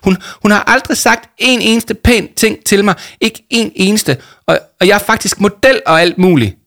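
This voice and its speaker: A man reading aloud voices Jama, a hot-tempered schoolgirl who stammers and shouts. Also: sits high, animated, creaky, dry recording, studio quality, voice pushed up, heavily acted. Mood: upset.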